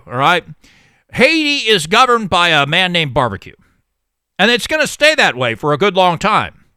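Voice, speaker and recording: A man's voice: high voice, pushed and bright, dry recording, clean studio sound. A man giving sardonic commentary, reading news excerpts and mocking them with laughter. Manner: mocking, laughs at his own jokes; reads news excerpts, then riffs on them. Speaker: political commentator.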